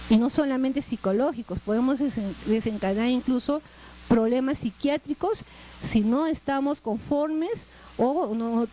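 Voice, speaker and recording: A woman's voice: a little high, mellow, slight background noise, rough recording. A middle-aged woman with a Peruvian accent, lecturing a class in a chatty way and often tagging her sentences with questions. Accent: Peruvian Spanish. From Peru. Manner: conversational, frequent "¿no?" tag questions.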